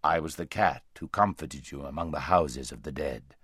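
A man reading aloud and voicing a huge male lion that speaks slowly, gravely and gently. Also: rumbling low, dry recording, studio quality, pitched below the performer's own voice, full character voice. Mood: solemn. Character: huge, calm, deep-voiced male lion.

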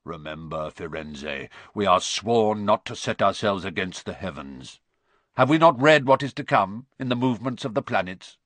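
A man's voice: on the low side, expressive, normal speed, fairly bright tone, dry recording. A man voicing a fierce, proud centaur in an audiobook, scolding and declaiming in an indignant growl. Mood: growling, stern. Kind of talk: dramatized audiobook character voice.

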